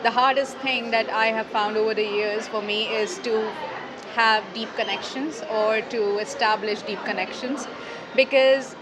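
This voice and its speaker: A woman's voice: on the high side, fairly even intonation, a little slow. Articulate woman guest in a noisy recording. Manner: articulate, laughs often. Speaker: interview guest, digital nomad. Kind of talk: casual conversation.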